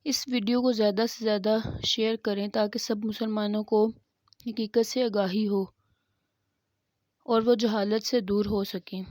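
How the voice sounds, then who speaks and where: A religious storyteller tells stories in an Islamic sermon style, fervent and emphatic, acting out quoted dialogue. Her medium-pitched voice is steady and darkish, with no echo.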